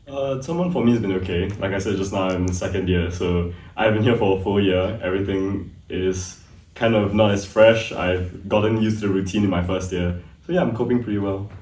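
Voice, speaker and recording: A man's voice: fairly low pitch, fairly quick. A young man in his twenties from Singapore, a student guest talking casually and laughing easily. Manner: relaxed, chatty, laughs easily. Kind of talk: casual chat. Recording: echoey room, mic at a distance.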